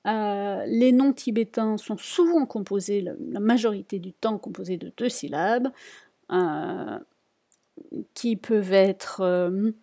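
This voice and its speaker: A woman gives a slow spoken reading lesson, patiently repeating each word and explaining it. Her voice is warm, medium in pitch, and slow.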